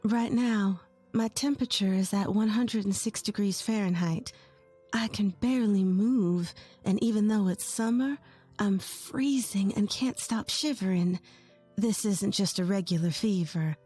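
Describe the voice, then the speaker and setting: A woman's voice: medium pitch, unhurried, mellow, slightly rough, soft background music. A woman in her twenties from rural Texas, telling her own story in earnest, scripted first-person narration. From rural Texas, USA. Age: 20s.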